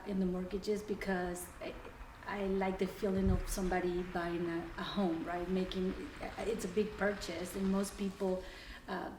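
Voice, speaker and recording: A woman's voice: mid-range voice, darkish tone, slight background noise. A woman in her forties from El Salvador, a native Spanish speaker, telling her story casually with many fillers and restarts as she walks through her house. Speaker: interviewee. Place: her house, walking from room to room. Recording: echoey room, faint ambience.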